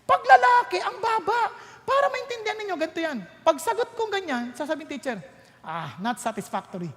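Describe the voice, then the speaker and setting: A man with a high voice preaches in a church hall, and his words ring out with a long reverb. He tells his stories with energy and acts out the voices of the people in them. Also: a little fast. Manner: lively storytelling, code-switching, acting out voices. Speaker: pastor. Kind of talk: sermon.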